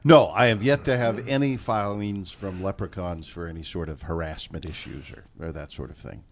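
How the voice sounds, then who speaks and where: A man's voice: deep voice, moderate pace, a little hiss or hum. A man appearing as a guest on a radio show in a studio, joking and self-deprecating. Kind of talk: casual radio chat.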